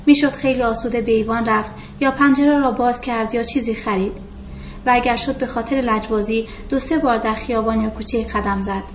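Woman narrator for a novel reading; measured, steady delivery, somewhat high voice, echoey room. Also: slight background noise. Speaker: audiobook narrator. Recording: roomy, dull lo-fi recording.

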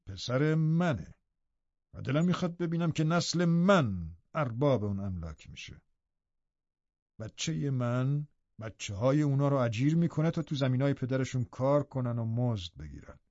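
A man's voice: mid-range voice, a little mellow, no echo, muffled recording. A man voicing a harsh, scornful middle-aged landowner in an audiobook, speaking in a cold, contemptuous, boastful way. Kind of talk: audiobook character reading.

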